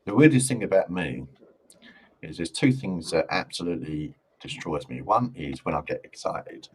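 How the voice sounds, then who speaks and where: A low-pitched man with a husky, breathy edge to his voice. He leads live psychic card readings in a gentle, reassuring manner and slips in jokes along the way. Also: animated, moderate pace. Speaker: psychic reader.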